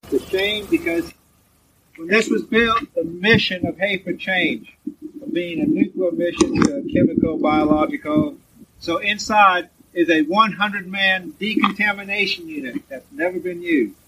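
A man's voice: sits high, animated, unhurried, creaky, bright, forceful tone, breathy edge. A man working as a tour guide, giving informal explanations outdoors at some distance from the microphone. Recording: distant mic, noisy vehicle ambience.

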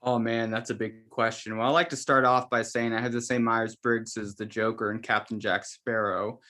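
A young man from the Seattle area of Washington, a seminary student appearing as a podcast guest, chats casually on a video call. His lowish voice is bright and forceful but flat in delivery, at a moderate pace, and he jokes in a self-deprecating way.

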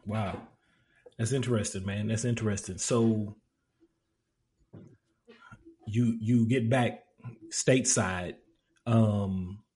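Deep-voiced male interviewer, calm. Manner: calm, brief affirmations and steady questions. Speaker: interviewer, host. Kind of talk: interview questions.

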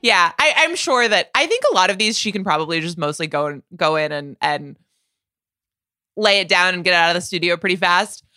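A woman co-hosting a music podcast, talking eagerly in a chatty way and restarting her sentences often. Her voice is bright and forward. The sound is dry and close, with no room behind it. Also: lowish voice, brisk, no room sound. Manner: animated, chatty, with many restarts and fillers. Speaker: podcast co-host. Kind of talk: casual music discussion.

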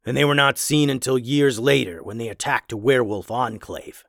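A towering male werewolf who keeps books, measured and lecturing, speaking a bit louder than the narration. A man plays him. Dry, close reading. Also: mid-range voice, vocal fry, no room sound.

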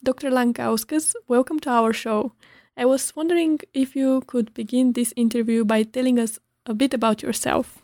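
A woman's voice: on the high side, fairly even intonation, normal speed, darkish tone, no echo, studio quality. A woman hosting an academic interview, asking polite, formal questions. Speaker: interview host, anthropologist.

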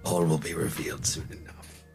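A man voicing a hidden, taunting heretic in a dark, menacing whisper, drawn out and gloating. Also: rumbling low, flat delivery, fairly quick, gravelly, soft background music. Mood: smug menace.

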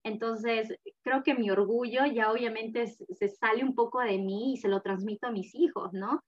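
Woman, guest, chatty and warm-paced, dull lo-fi mic. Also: a little high, steady tone, normal speed. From Peru. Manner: chatty, frequent fillers and laughter. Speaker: guest, mother. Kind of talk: casual conversation. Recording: slightly dull lo-fi recording.

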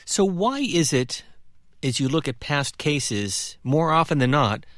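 Deliberate male interview host. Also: on the high side, very animated, fairly bright tone, no echo, clean studio sound. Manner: slow, deliberate questioning. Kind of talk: broadcast interview questions.

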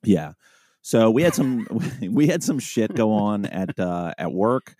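A man's voice: lowish voice, sing-song, unhurried, mellow, no echo, studio quality. A man co-hosting a podcast as a police officer, telling loose, profane stories in casual chat, groggy this early in the morning.

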